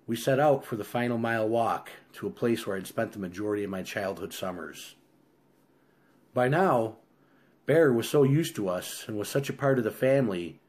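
A man reads a first-person survival story aloud. His voice sits on the lower side and he keeps a steady, even telling. On the shouted lines he raises his voice. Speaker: narrator.

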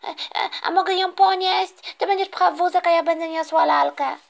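A woman's voice: very high voice, fairly even intonation, normal speed, gravelly. A woman acting out a little girl in a toy story who keeps pleading to get her turn. The voice is raised well above her own and comes out thin and whiny. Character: eager little girl, whiny younger sister.

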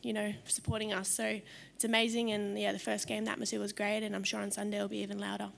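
A young Australian woman footballer answering reporters after a match, measured and full of fillers, into a desk mic in a press room. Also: medium pitch, flat delivery, creaky. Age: young adult. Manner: measured, many fillers, trailing off at ends. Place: press conference room in front of sponsor board. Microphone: desk microphone on stand.

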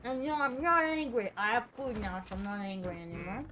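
A woman streaming a co-op game, chatting and teasing her friends with animated outbursts. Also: fairly high pitch, quick pace, faint music behind. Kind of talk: casual gaming chat with friends.

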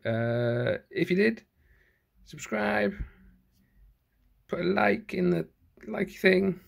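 A man's voice: sits high, lively intonation, very slow, creaky. A man casually talking through an unboxing at home, thinking aloud and correcting himself as he goes, filmed one-handed on a handheld camera. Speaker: channel host. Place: at home indoors. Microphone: handheld phone camera, filming one-handed.

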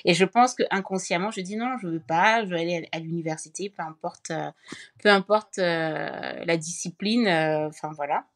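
A woman from Cameroon, a podcast guest, telling her story in a casual interview, pausing often with fillers and restarts. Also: lowish voice. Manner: thoughtful, many hesitations and restarts.

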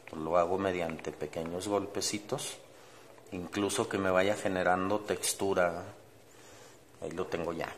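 Low-voiced male art teacher, demonstrates step by step while painting; faint background hiss. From Mexico. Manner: explains step by step while painting, thinking aloud; often ends phrases with tag questions. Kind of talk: online art class demonstration.

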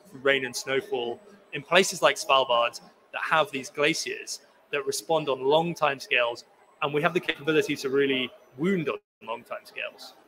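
A young sea ice scientist's medium-pitched voice comes across pushed and bright in this rough recording. He is at the podium of an indoor conference pavilion hall, giving a talk and answering questions with many fillers and restarts, recorded on the podium mic.

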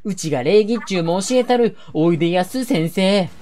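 Game-character read: woman voicing a haughty shark-tamer lady in old Kyoto dialect, slow and prim, lively pitch. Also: a little hiss or hum, lightly acted.

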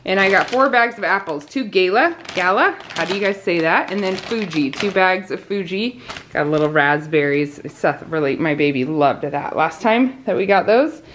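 This grocery haul vlog comes from an American mom of a large family in her thirties, filming indoors in her kitchen. She's chatty and laughs a lot as she handles each item, with a fairly low, bright voice, lively intonation and a moderate pace. A little hiss or hum is audible.

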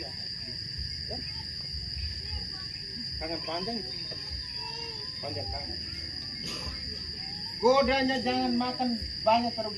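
Papuan Indonesian priest preaching over crickets. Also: male voice, high voice. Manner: lively, asks the congregation questions. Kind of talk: sermon. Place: outdoor open-sided tent at night. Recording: loud insect noise from far off.

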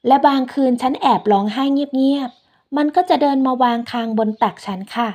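Woman narrator, soft and unhurried, voice sitting a bit high, reads a scripted first-person story.

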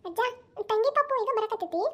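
A woman voicing an eager little boy in a cartoon, excited and childlike, with a North Karnataka accent. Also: extremely high pitch, fairly quick. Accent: North Karnataka Kannada. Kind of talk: cartoon voice acting.

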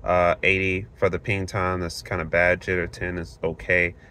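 In a flat delivery at normal speed, a man with a low, bright, forceful voice reads network speed test numbers off his screen and explains them plainly. He's from Florida, United States, sitting in a parked car and casually filming on a handheld phone. A little hiss or hum is audible.

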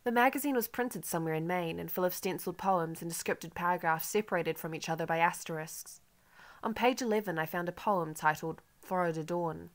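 A woman with a lowish voice narrates a literary novel in the first person. Her reading is measured and wry. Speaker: audiobook narrator.

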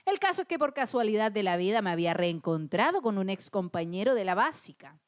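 A woman's voice: medium pitch, very animated, fairly quick. A Chilean woman co-hosting a comedy podcast, reading a listener's story aloud with lots of slang and laughter.

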